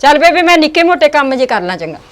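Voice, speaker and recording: A woman plays a caring Punjabi woman who comforts an old grandmother. Her voice is high, and she speaks in a firm, consoling way. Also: very animated, quick pace, a bit bright. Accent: Indian Punjabi. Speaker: daughter-in-law in a family drama. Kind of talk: village web drama acting.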